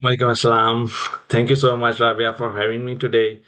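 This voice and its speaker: Young Pakistani man with an even tone. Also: medium pitch, fairly quick. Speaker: interview guest. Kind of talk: personal career storytelling in conversation.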